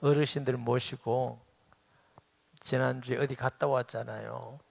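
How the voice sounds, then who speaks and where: A man's voice: medium pitch, steady tone, measured pace, vocal fry, breathy edge. A middle-aged man, preaching a sermon as pastor and acting out quoted dialogue with rising emphasis.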